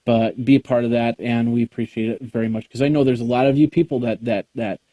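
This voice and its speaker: A man's voice: mid-range voice, steady tone, fast, mellow, no echo. A man hosting a tech podcast, wrapping up the show in casual, rambling, jokey chat full of fillers. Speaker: podcast host.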